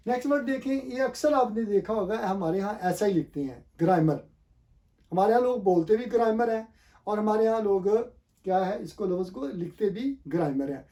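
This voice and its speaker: A man's voice: high-pitched, mellow, far from the mic. A man teaching a pronunciation lesson, asking and answering his own questions and spelling words out letter by letter. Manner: hesitant, many fillers and restarts.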